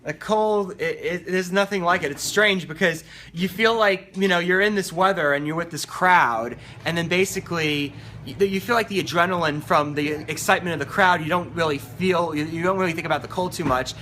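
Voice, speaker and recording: Male reviewer, bright and fairly high voice, rambling informal commentary, halting with repetitions. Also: a little hiss or hum. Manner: rambling, halting, repeats words. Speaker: movie reviewer. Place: New York area.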